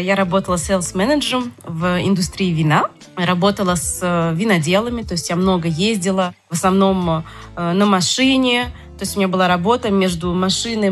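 Woman guest telling a personal story. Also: mid-range voice. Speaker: podcast guest.

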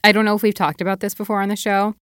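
A woman co-hosting a podcast, chatting casually in an animated, joking way. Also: mid-range voice, very fast, clean tone, no room sound, clean studio sound. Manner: animated, swears, laughs often. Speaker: podcast co-host. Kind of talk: casual chat.

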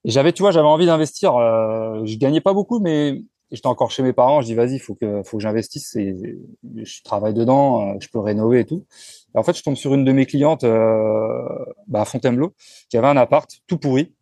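A man in his forties, speaking as an interview guest in a relaxed, frank way, often pausing and restarting his sentences. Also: mid-range voice, dry recording. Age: 40s. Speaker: entrepreneur guest. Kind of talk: casual conversational interview.

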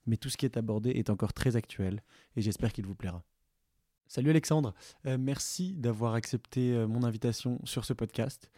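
A man hosting a podcast introduces the episode and asks hesitant questions. His voice is very dark and mellow, at a middle pitch. The sound is dry and close-miked. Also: no room sound. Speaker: podcast host.

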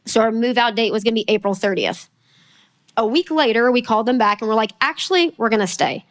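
A woman in her forties with a Texan accent, telling a story in a casual, animated sermon at church, full of self-mocking asides. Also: fairly high pitch, quick pace. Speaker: speaker at church. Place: church sanctuary.

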